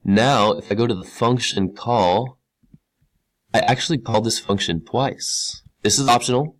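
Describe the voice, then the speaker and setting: A male teacher with a fairly low voice walks through a screen-recorded tutorial. He talks casually as he clicks through each step and repeats key words to drive them home. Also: unhurried. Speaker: computer science teacher.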